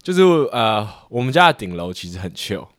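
A man's voice: on the low side, very animated, brisk, a bit bright, no room sound, clean studio sound. A young man, co-hosting a podcast and telling an embarrassing family story in a rambling way with frequent laughs. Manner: rambling, laughs often at his own story. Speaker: podcast co-host. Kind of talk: casual storytelling chat.

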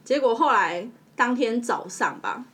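A woman with a Taiwanese Mandarin accent, co-hosting a podcast and telling a story in a casual, animated way, laughing as she goes. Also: fairly high pitch, a little slow. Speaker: podcast co-host.

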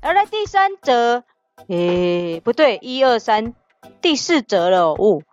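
A woman's voice: on the high side, sing-song, takes it slowly. A woman voicing a playful, chatty pet dog who co-hosts a podcast and answers listener comments, with a Taiwanese Mandarin accent. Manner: playful, giggly, teasing. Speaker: podcast co-host. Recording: slightly dull audio with music bed.

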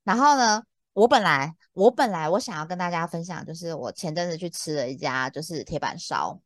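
一位三十多岁、带台湾口音的女播客主持人，闲聊时讲故事，语气激动、无奈，常常笑。. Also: female voice, a little fast, no echo. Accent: Taiwanese Mandarin. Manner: exasperated, lively, laughs often, big pitch jumps. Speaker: podcast co-host. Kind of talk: casual chat, animated storytelling.

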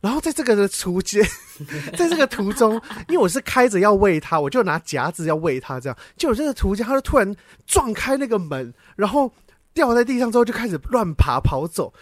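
A man's voice: high voice, sing-song, fairly quick, no echo, clean studio sound. A man co-hosting a casual chat podcast, dramatically retelling a story with laughs and the odd swear. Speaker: podcast co-host.

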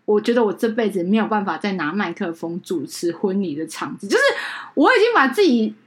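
A young woman rattles off a story at a quick clip in a middle-range voice. She talks in casual podcast style and slips into the voices of the people she quotes. The tempo stays brisk throughout. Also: mid-range voice. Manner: animated, acts out quoted people. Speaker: podcast co-host and wedding emcee.

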